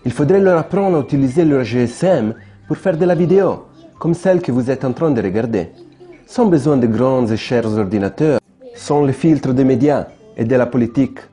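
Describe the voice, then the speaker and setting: A man narrating his own documentary in a measured, reflective voice-over. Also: medium pitch, lively intonation, mellow, faint music behind. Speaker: filmmaker narrating his project.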